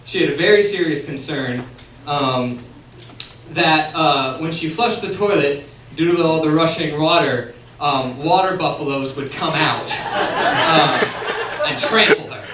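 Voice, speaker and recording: A young man from Texas telling a funny personal story on stage at a bar, animated and laughing as he goes. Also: on the high side, measured pace, some chatter behind. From San Antonio, Texas. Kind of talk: comic personal story told live. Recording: echoey room recording from far off, noisy.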